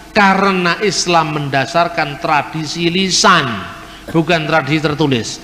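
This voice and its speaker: Male lecturer, slightly high pitch, explanatory, roomy reverberant hall recording. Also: fairly bright tone. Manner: explanatory, mimics regional pronunciations. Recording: echoey hall with faint noise.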